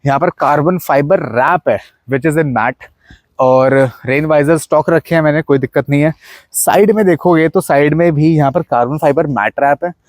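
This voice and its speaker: This young Indian-accented man speaks at a normal pace with a voice on the high side, and there's no echo. Chatty and relaxed, he tours his modified car, mixing Hindi with English and pointing at details as he goes.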